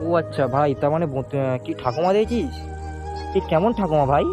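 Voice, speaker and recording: A man vlogging in the street, gently coaxing and soothing a small child while making emotional asides to a friend. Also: a little high, expressive, brisk. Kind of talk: street vlog talking to a child. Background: music.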